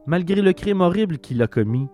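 A man with a Québécois accent hosting and narrating a scripted documentary in a measured, reflective storytelling manner. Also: high voice, animated, a little mellow, soft background music. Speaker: host narrator.

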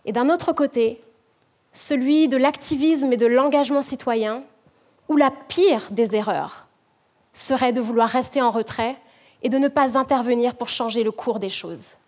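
A high-pitched woman from French Guiana delivers a prepared talk as a management professor. She speaks in a measured, reflective way and slows down to stress key points. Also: darkish tone.

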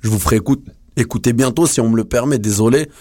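A man's voice: medium pitch, fast talker, a little mellow, no room sound, studio quality. A man hosting a radio show in loose, slangy, rambling chat, hiccuping now and then. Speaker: radio host.

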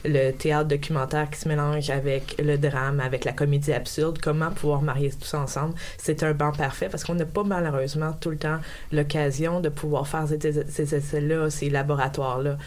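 Low, even-toned Quebec woman. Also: normal speed, few pauses. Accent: Quebec French. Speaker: interview guest, playwright. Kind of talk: casual interview talk.

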